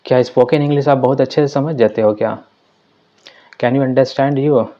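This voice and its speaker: A man teaching a spoken language lesson. He reads each example sentence slowly and then explains it patiently, again and again. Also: medium pitch, fairly even intonation, muffled recording. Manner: patient, repetitive explaining with frequent "theek hai". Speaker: English teacher.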